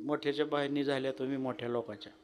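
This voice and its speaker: A man's voice: medium pitch, level tone, racing, darkish tone, faint music behind. A man with a telling a devotional story as a kirtan preacher, folksy and addressing the audience directly.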